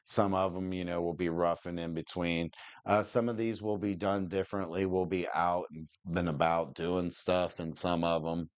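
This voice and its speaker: A man's voice: low-pitched, flat delivery, normal speed, clean tone, no echo. A man, stoned, chatting casually as a livestream co-host in a laid-back, sweary stoner manner. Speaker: co-host of a cannabis podcast.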